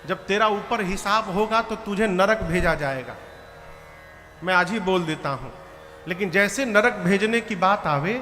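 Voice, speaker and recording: A man's voice: high-pitched, pushed and bright. A man voicing a patient old guru who coaxes and insists, inside a story told in a devotional discourse. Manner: coaxing then commanding. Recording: reverberant hall with flute music.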